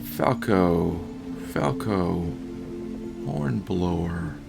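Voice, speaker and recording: Folksy, proud hobbit innkeeper, put on by a man, low-voiced and talkative. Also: brisk, over music, close to an everyday voice. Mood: welcoming. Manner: folksy, rustic talk.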